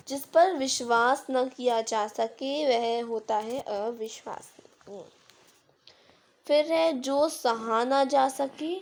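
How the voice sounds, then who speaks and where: A woman's voice: high voice, vocal fry, darkish tone. A woman teaching Hindi grammar in a screen-recorded lesson, patiently explaining with simple examples and quiz questions. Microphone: device mic of a screen recording.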